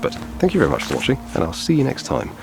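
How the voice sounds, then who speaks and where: A wildlife photographer in his thirties, filming an outdoor vlog tutorial, talks very fast in a mid-range voice with huge pitch swings and vocal fry, over music. He's on a grassy path by a wetland, a bit tired, gesturing as he explains photography technique. Outdoor noise, distant chainsaws and traffic fill the background.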